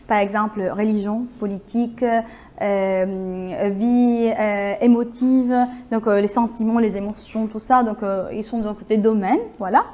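A woman's voice: medium pitch, fairly even intonation, unhurried. Hesitant woman explaining in class. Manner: hesitant, many fillers, checks if listeners follow. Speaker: presenter in a university linguistics class. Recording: dull lo-fi classroom recording.

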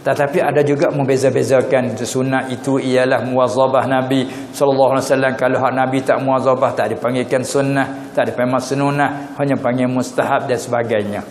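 In an echoey hall with slight background hiss or hum, a southern Thai man with a Patani Malay accent gives a religious lecture at medium pitch and in a level tone. As a teacher, he poses questions to the audience and stretches out Arabic terms.

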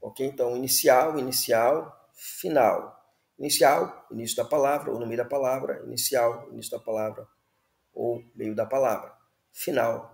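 A man's voice: mid-range voice, vocal fry, a little mellow, roomy sound. A man teaching the Hebrew alphabet, patiently repeating words and checking in with listeners. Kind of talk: slow classroom explanation.

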